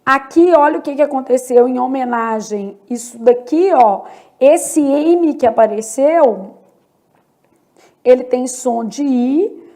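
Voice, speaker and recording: A Brazilian woman teaching a Portuguese grammar lesson, slow and deliberate, asking questions and answering them herself. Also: sits high, mellow. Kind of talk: exam-prep grammar lesson.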